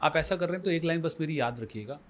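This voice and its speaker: A man's voice: fairly high pitch, lively intonation, fast talker, slight background noise. A man as the guest life coach on a podcast, explaining emphatically with rhetorical questions and mixing Hindi with English phrases. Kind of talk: podcast conversation.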